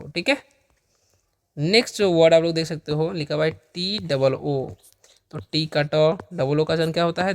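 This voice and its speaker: A man teaching beginner English, explaining slowly and patiently and answering his own questions again and again. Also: fairly high pitch, no echo, studio quality. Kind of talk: beginner language lesson.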